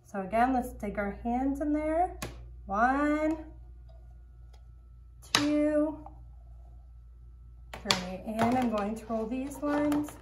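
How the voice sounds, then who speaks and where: A woman with a slightly high voice presents a children's craft in kids show style. She talks straight to her young viewers as she goes through the steps. A faint noise sits behind her voice. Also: measured pace. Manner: talks directly to young viewers, counting aloud.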